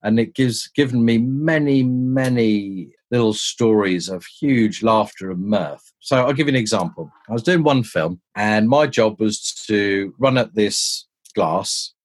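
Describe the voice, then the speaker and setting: Husky man telling stunt stories. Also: unhurried, hardly any pauses. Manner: animated, jumps pitch to act out quoted people. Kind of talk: casual anecdotal storytelling.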